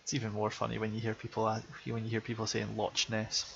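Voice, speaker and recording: A man's voice: lowish voice, completely flat delivery, quick pace, creaky, fairly bright tone. A man working as air traffic controller in a flight sim, laughing often and switching to clipped radio phrasing. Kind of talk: casual chat and radio calls. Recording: dull lo-fi game chat.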